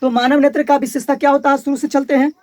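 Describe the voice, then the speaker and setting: A man's voice: extremely high pitch, level tone, quick pace, a little mellow, no echo. A male teacher with a Bihari Hindi accent giving a classroom physics lecture, repeating key terms and asking the class to call them back.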